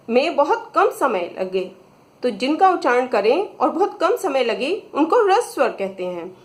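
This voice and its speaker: A woman teacher talks a class through an exercise, reading each question aloud and explaining every answer step by step. Her voice sits high and she takes her time, speaking in an unhurried, patient way. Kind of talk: slow explanatory lesson.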